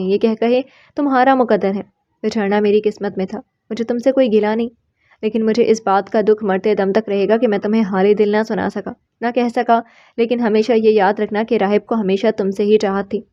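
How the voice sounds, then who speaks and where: A woman voicing a heartbroken young man, soft, tender and resigned. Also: medium pitch, fairly even intonation, lo-fi sound, lightly acted. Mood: sorrowful. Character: heartbroken young man writing a farewell letter.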